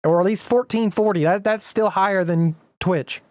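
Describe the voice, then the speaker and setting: Excitable, swearing gaming streamer man. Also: high voice, normal speed, no room sound, clean studio sound. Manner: excitable, profane, talks to his chat. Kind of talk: casual gaming commentary.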